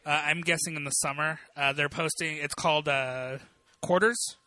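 A man's voice: on the high side, fairly even intonation, normal speed, bright, forceful tone, no room sound. A man co-hosting a podcast in casual chat, rambling with lots of fillers. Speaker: podcast co-host.

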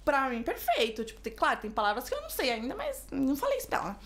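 A young Brazilian woman with a Brazilian Portuguese accent, chatting as a podcast guest and telling stories with lively acted-out quotes. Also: high-pitched. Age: young adult. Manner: rapid, animated storytelling with acted quotes. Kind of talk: casual podcast chat.

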